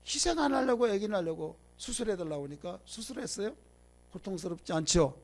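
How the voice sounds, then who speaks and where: A man preaching a Bible lecture to a congregation. He leads call-and-response, has them repeat phrases, and swings from loud emphasis to quiet asides. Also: high-pitched, animated, a little fast. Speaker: pastor. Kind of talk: sermon lecture.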